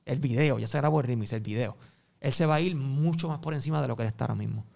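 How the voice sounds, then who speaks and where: A man with a Puerto Rican Spanish accent, a guest telling animated stories in an interview and acting out the voices of the people in them. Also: medium pitch, fast talker, creaky. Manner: acts out quoted voices, swings loud and soft. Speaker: music promoter and guest.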